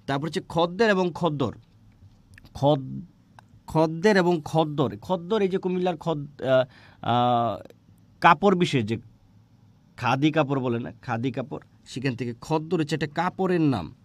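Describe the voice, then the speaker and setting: Man, grammar teacher, slightly high voice, dry close mic. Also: no echo. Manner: asks a question, then answers it himself; explains slowly, with frequent "ah" fillers and restarts. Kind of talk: exam-prep grammar lesson.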